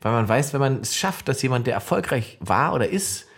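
Guy cohosting a podcast, really lively up-and-down voice, lots of restarts. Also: mid-range voice, brisk, gravelly. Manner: animated, rambling with many restarts. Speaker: podcast co-host. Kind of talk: casual chat.

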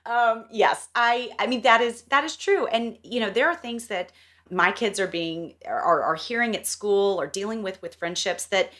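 A woman's voice: mid-range voice, normal speed, fairly bright tone. A middle-aged woman from the American South, talking in a casual, emphatic podcast conversation and laughing now and then. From Southern United States.

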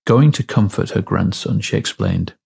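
Very deep, gravelly man reading slowly. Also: steady tone, a little mellow. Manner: measured, reverent reading. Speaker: devotional reader. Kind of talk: scripted devotional reading.

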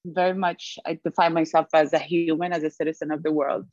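A young woman raised in Sweden as an interview guest, reflective and quick to laugh. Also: low voice, little pitch movement, a little mellow, no echo, highs cut off. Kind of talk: conversational interview.

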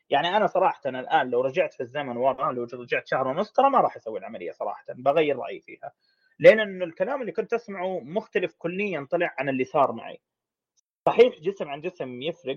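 A man, a podcast guest speaking frankly in a casual conversation, in long runs with restarts. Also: medium pitch. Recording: dull lo-fi audio.

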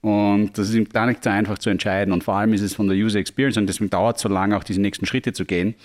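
Low-pitched Austrian man chatting. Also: flat delivery, fast. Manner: drops English tech jargon into speech. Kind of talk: casual podcast conversation.

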